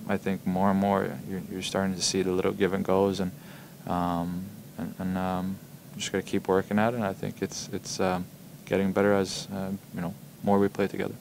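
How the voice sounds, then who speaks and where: Low, gravelly young man, halting answers. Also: slight background noise. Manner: halting, many ums and repeated words. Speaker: hockey player. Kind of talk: postgame press conference answers. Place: press room in front of a logo backdrop. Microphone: table microphones in front of him.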